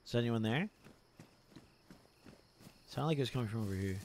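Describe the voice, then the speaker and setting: Young man, frat-bro slang, casual game-stream chatter, animated intonation, sweary, close mic. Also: mid-range voice, moderate pace, a little hiss or hum. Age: young adult. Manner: frat-bro slangy, laid-back hype with "bro", "dude", "boys"; swears freely.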